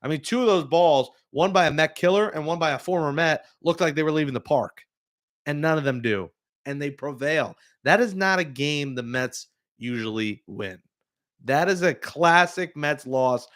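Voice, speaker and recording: A man hosting a live postgame reaction show, talking through the game with excitable, joking fan commentary. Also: a little high, moderate pace. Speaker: sports talk host.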